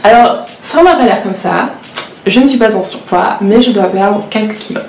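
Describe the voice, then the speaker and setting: Her voice is mid-range with vocal fry and a slightly mellow quality, and she talks at normal speed. The speaker, a 19-year-old law student and vlogger whose native language is Portuguese, chats candidly and self-mockingly, often hesitating. The recording has roomy echo plus a little hiss or hum.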